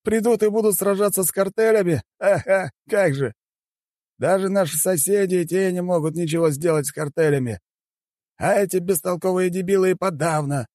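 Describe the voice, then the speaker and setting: A man's voice: high voice, moderate pace, no room sound, studio quality, pitched above the performer's own voice, close to an everyday voice. A man voicing an arrogant, scornful male head of state in an audiobook, mocking and dismissive. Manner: mocking, dismissive, shouting at times. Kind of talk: audiobook character voice.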